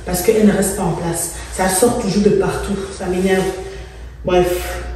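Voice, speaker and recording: On the low side, with fairly even intonation and a measured pace, a Cameroonian woman whose first language is English muses casually for her vlog while she works, slipping in English words. Her mellow voice sounds far from the mic, lost in the heavy echo of an empty, freshly plastered room with faint noise.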